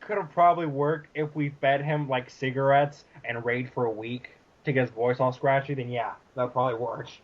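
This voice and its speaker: A young man co-hosting a gaming podcast, blunt and profane with quick reactions. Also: mid-range voice, fairly even intonation. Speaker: podcast co-host. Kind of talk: casual gaming chat. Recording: muffled lo-fi podcast audio.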